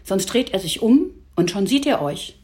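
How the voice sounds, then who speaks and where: A woman voicing a pushy, excitable boy full of suggestions. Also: medium pitch, normal speed, natural voice. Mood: excited.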